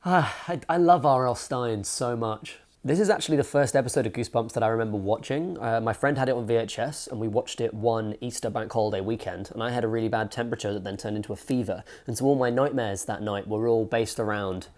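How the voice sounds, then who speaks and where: A man's voice: mid-range voice, fast talker, hardly any pauses, a little mellow. A young British man giving a casual, sarcastic review commentary with dry asides. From Britain. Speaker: video reviewer.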